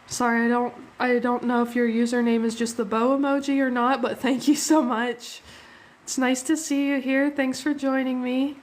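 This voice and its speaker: In a level tone, a young woman with a somewhat higher-than-average voice chats through a casual drawing stream from home. She's slightly sniffly after a cold, offering quick thanks to viewers and laughing frequently.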